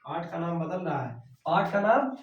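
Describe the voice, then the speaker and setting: A male teacher explaining Sanskrit verses at a board, slowly repeating words as he writes and chanting the verses. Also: fairly high pitch, lively intonation, recorded from a distance, dull audio. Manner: chants verses in a sung recitation. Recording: echoey room, voice off-mic.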